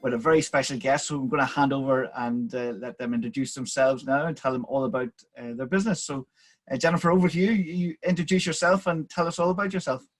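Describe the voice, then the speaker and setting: A man's voice: medium pitch, fairly even intonation, fast talker, soft background music. A man hosting an interview over a video call, enthusiastic and stumbling over his words with repeated starts. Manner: enthusiastic, stammering restarts. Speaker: host.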